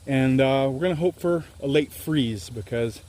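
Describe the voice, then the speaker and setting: Holding the camera at arm's length, a Louisiana organic farmer in his thirties records a casual vlog outside on his farm. He rambles candidly and jokes about himself in a medium-pitched, a little mellow voice at a moderate pace.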